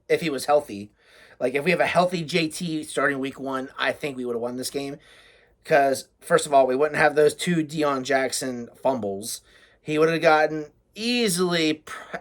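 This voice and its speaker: A young American man with a slightly high voice talks off the cuff as a frustrated sports fan. He is blunt and exasperated, swearing freely as he vents in a casual rant. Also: a bit bright. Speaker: sports fan giving a game reaction.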